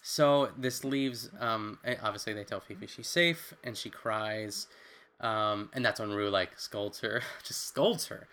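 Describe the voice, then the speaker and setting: A man co-hosting a casual recap chat, expressive and chatty, acting out quotes and swearing casually. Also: on the low side, unhurried. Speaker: podcast co-host.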